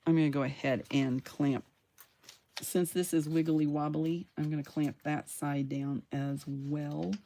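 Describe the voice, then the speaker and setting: A craft channel host speaks low and slightly slow, her tone level and dark, over a slight hiss or hum. Working through a casual tutorial, she chats away to herself and her audience, complete with playful noises and tiny self-cheers.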